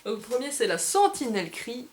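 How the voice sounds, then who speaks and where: A woman's voice: on the high side, big pitch swings, fairly quick. A woman hosting a casual unboxing video for a game bar, chatting and hesitating as she sorts through cards. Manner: chatty, hesitant, self-correcting while handling cards. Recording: roomy with faint background noise.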